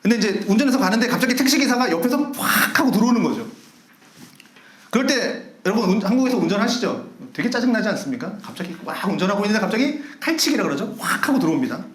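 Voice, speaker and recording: A man preaching a sermon as pastor, telling a story with lively acted-out shouts and laughter. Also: high voice, fast talker, reverberant. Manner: animated storyteller acting out angry shouts and laughing. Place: church sanctuary.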